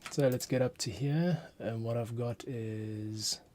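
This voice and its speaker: A composer and streamer host gives a casual screencast tutorial, thinking aloud, muttering to himself and pausing while he works. His voice is medium-pitched with a darkish tone, and faint noise plus keyboard typing and mouse clicks run in the background.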